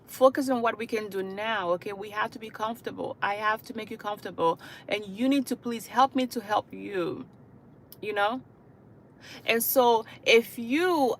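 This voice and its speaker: On her channel's livestream, a hospice caregiver from Haiti addresses viewers earnestly, frequently adding "okay?" and "you know." She speaks at normal speed in a medium-pitched voice, with a little hiss or hum in the audio.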